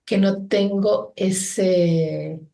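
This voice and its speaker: A woman's voice: mid-range voice, steady tone, extremely slow, gravelly, warm tone. A middle-aged woman from Mexico with a Mexican Spanish accent, talking through her thoughts as an interview guest, with many restarts and fillers. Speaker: guest, organization founder. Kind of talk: reflective interview conversation.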